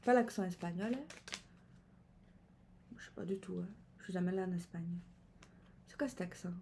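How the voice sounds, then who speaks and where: A woman's voice: on the low side, normal speed, dark tone, slight background noise. A woman giving a casual tarot reading, chatting and musing aloud with repeated phrases and fillers. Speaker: tarot card reader.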